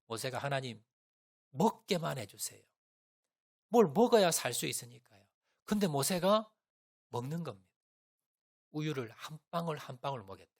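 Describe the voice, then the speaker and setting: A man pastor preaching a Sunday sermon in a church, telling a story in an animated way and acting out the prayers of the people in it. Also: fairly high pitch, moderate pace, pauses often. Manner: animated storytelling, acts out prayers with rising emotion. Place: church sanctuary.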